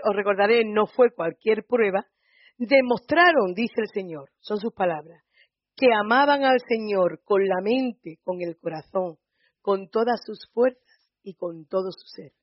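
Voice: medium pitch, no echo. A preacher with a Spain Spanish accent tells a Bible story in a chatty teaching way, often checking in with the listeners. The sound is dry and close, with a dull, slightly lo-fi tone. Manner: storytelling, often adds checking tag questions.

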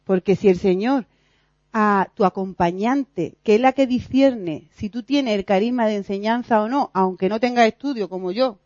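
A woman's voice: medium pitch, mellow, dry recording, muffled recording. A woman giving an earnest, confessional religious teaching, acting out her own worries aloud and laughing at herself. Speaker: lay teacher in a church group.

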